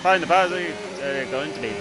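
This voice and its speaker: A man's voice: fairly high pitch, unhurried. A man doing live race commentary on a livestream of a sim racing event. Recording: clearly noisy, engine noise behind.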